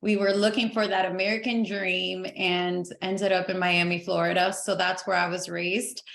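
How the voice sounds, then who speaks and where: A woman's voice: on the low side, level tone, creaky, fairly bright tone. A young adult woman from Venezuela, chatting as a podcast guest in a talkative, upbeat way. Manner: talkative, upbeat, quick to laugh. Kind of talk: casual interview chat. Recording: echoey room.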